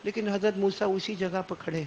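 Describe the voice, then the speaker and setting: A high, gravelly male preacher delivers an impassioned mosque sermon. His bright, pressed voice drops to a hush and then climbs to a shout, with faint noise behind. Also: fairly even intonation, lo-fi sound. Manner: impassioned, swinging from hushed to shouting.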